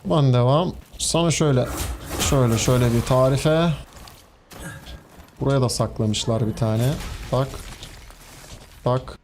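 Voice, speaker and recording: A mid-pitched man with a Turkish accent streams a game and keeps up loose, chatty commentary, scolding enemies and joking with his viewers. A faint hiss sits under his voice. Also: measured pace, long pauses, a little mellow. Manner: chatty, talks to the game's enemies and to viewers, laughs easily. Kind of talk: casual gameplay commentary.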